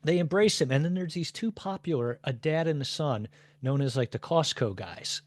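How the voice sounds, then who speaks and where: Higher-voiced man telling stories on a podcast. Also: moderate pace, dry recording. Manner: storytelling, deadpan jokes. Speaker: podcast co-host. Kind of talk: casual chat.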